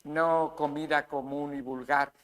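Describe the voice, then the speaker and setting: A man's voice: on the high side, level tone, unhurried, fairly bright tone. A man with a Spain Spanish accent preaching a sermon as pastor, emphatic, with rhetorical questions and acted asides.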